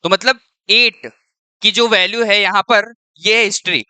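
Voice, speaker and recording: A man's voice: high voice, fairly even intonation, moderate pace, sharp tone, clean tone, no echo. A male teacher talking through an exam-prep lesson step by step. He keeps checking in with the students as he goes. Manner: checks in with students often and keeps saying "your".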